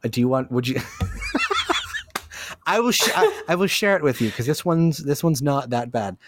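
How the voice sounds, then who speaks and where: A man's voice: a little high, huge pitch swings, a little hiss or hum. Rambling, profane male podcast host. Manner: rambling, profane, quick to break into loud silly impressions. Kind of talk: casual chat.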